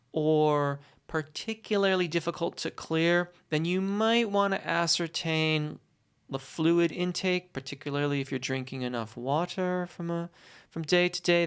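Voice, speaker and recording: Encouraging voice teacher, mid-pitched voice. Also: fairly bright tone, smooth. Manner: encouraging, reassuring. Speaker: voice teacher, host answering questions. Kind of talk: conversational explanatory Q&A.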